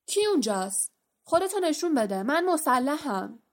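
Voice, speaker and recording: A woman voicing a huge, gruff male half-giant gamekeeper, speaking loudly and in a blustering, nervous way in an audiobook. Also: on the high side. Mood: alarmed. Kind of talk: audiobook character voice.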